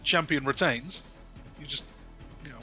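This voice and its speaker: A man co-hosting a wrestling podcast, chatting casually and laughing often in a relaxed, bantering way. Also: fairly high pitch, a little slow, faint music behind. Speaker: podcast co-host. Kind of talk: casual chat reviewing wrestling results.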